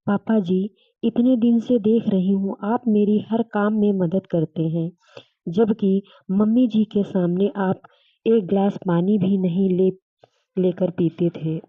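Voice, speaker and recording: A woman's voice: mid-range voice, fairly even intonation, slow, breathy edge, dry recording, phone-quality sound. A woman voicing a caring young daughter-in-law who speaks hesitantly and with concern in a storybook reading.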